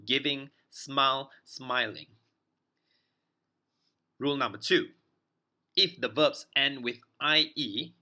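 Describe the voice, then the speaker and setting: A man teaching an English grammar lesson, spelling out letters and repeating example words slowly for his learners. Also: medium pitch, sharp tone. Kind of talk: slow explanatory grammar lesson.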